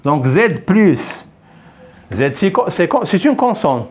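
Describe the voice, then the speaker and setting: A man's voice: sits high, sing-song, takes it slowly, a little mellow. An older man teaching a French pronunciation lesson, patiently repeating himself, checking that everyone follows and quizzing a young pupil. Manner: questions and praises a child pupil.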